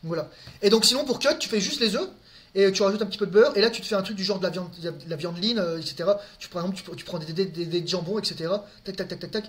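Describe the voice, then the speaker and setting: A man's voice: sits high, quick pace, a bit bright. A man streaming live, answering his viewers' questions in a loose, casual chat full of crude slang and stumbling repeats. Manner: crude slang, repeats words, talks to his audience directly.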